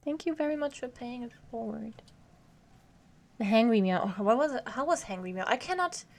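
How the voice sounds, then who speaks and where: A woman's voice: fairly high pitch, lively intonation, normal speed. A woman streaming a video game, chatting casually with viewers, giggling often and talking to her cat. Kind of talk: casual live-stream chat while gaming.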